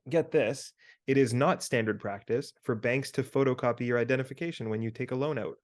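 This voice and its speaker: A man speaks over a video call as podcast co-host. He talks in a relaxed, meandering way, full of fillers, as he tells a personal story and gives listeners advice. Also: medium pitch, fast talker.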